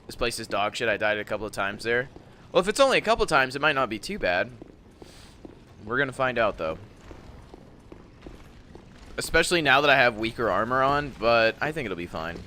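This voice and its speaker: A man doing casual video game commentary in a bright voice with very lively pitch swings. He talks informally and swears freely, over a faint layer of background noise. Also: fairly quick, long pauses. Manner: casual, profane.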